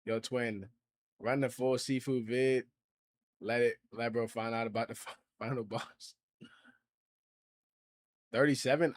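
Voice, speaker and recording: A man's voice: medium pitch, a bit bright. A man in his twenties, casually chatting on a livestream in heavy slang, reacting to and reading out viewer comments. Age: 20s. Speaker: streamer.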